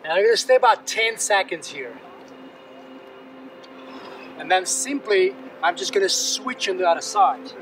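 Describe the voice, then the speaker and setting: A fitness coach guides a stretching session outdoors on a windy seaside headland, captured by a far-off camera along with music. His high male voice is unhurried and calm, with long pauses, encouragement, and frequent repetition. There is slight background noise in the distant audio.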